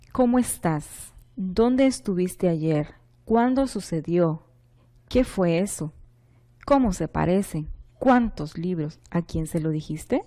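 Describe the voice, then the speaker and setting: A woman's voice: mid-range voice, mellow. A woman teacher, from Honduras, giving a recorded lesson, explaining patiently and asking rhetorical questions of her pupils. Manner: reads example sentences aloud slowly.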